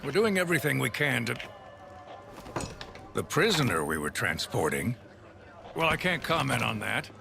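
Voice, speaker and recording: An actor playing a harried, gruff middle-aged police commissioner in a video game. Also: male voice, mid-range voice, big pitch swings, normal speed, pauses often, noisy background.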